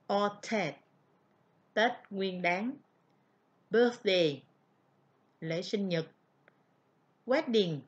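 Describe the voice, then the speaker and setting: A woman's voice: mid-range voice, muffled recording. A woman English teacher with a Vietnamese accent, whose native language is Vietnamese, giving an online vocabulary lesson and carefully repeating each word as a model.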